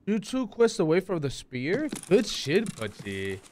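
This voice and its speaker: A man's voice: high voice, wildly swooping pitch, measured pace, noisy background. A young man live-streaming a game, chatting casually and greeting his chat one by one in a laid-back way.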